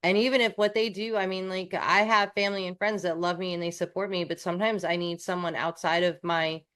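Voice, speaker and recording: A woman's voice: on the low side, fairly bright tone. A woman from New York co-hosting a coaching podcast, chatting casually with restarts and self-deprecating asides.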